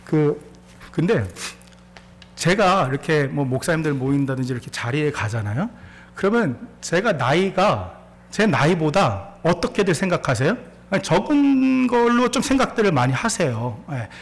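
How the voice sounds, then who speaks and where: Delivering a sermon, this pastor in his forties speaks at a normal speed in a high voice with big pitch swings. He punctuates his storytelling with laughter and keeps questioning the congregation.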